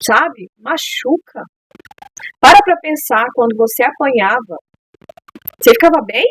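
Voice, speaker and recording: A woman's voice: sits high, expressive, measured pace, slightly rough, no echo, low-quality recording. A woman hosting a parenting talk, speaking in an earnest, heartfelt way and repeating phrases for emphasis. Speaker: podcast host speaking to parents. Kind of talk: earnest advice monologue.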